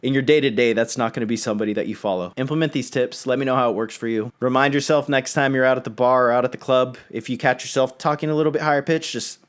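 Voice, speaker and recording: A man's voice: medium pitch, steady tone, fast, few pauses, clear, resonant tone. A young man hosting a casual self-improvement vlog, coaching viewers in an earnest, direct way. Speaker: self-improvement video host.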